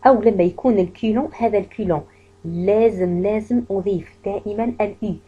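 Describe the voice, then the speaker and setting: A woman teaching a French pronunciation lesson, patiently saying each word slowly and then repeating it. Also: mid-range voice, warm tone, husky, lo-fi sound.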